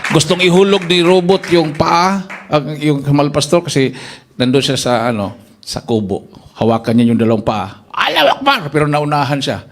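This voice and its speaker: A man with a Filipino accent preaching a sermon, telling a testimony and acting out the voices of the people in it, his pitch jumping up on exclamations. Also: normal speed, slight background noise. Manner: animated storyteller acting out quoted voices, pitch leaping up in exclamations.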